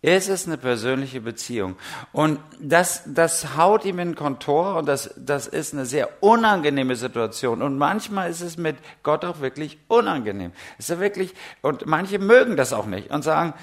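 A man's voice: fairly high pitch, animated, normal speed. Self-mocking middle-aged male preacher. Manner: humorous, self-mocking storytelling with pointed questions to the congregation. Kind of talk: sermon.

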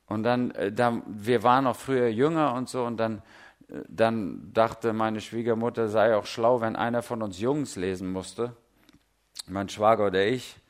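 A middle-aged man preaching a sermon in a lively, conversational way, full of everyday stories and direct questions to the listeners. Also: lowish voice, measured pace.

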